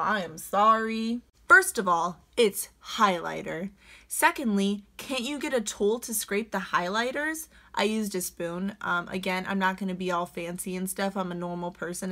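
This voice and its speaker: A woman's voice: medium pitch, normal speed, few pauses, bright, forceful tone. A young woman chatting casually in a vlog, reading out comments and answering them with sarcastic, sassy retorts. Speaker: beauty vlogger reading comments.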